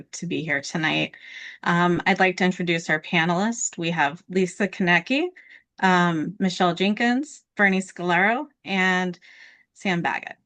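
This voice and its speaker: A woman moderating an online panel discussion over a video call, polite and steady with occasional ums. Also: fairly low pitch.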